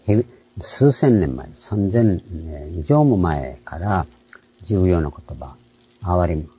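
A man with a low, very dark and husky voice gives an online Bible lecture. He explains things step by step and keeps clearing his throat. The audio is dull and lo-fi. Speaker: Bible teacher.

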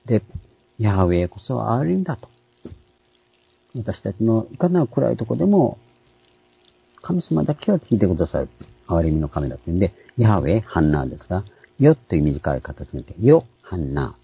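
A man, a pastor, giving a calm, explanatory sermon with frequent pauses and fillers. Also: lowish voice, vocal fry, breathy edge, no echo, highs cut off. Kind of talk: sermon on scripture names.

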